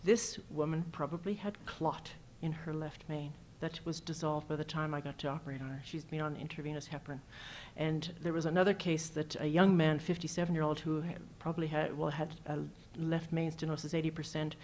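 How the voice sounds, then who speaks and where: Brief: female surgeon at a lectern, lowish voice, chatty case stories, faint rumble under the recording. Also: fairly even intonation, a little fast, few pauses, darkish tone. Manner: casual, anecdotal, walks through slides with numbers. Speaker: cardiac surgeon presenting at a symposium. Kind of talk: conference presentation.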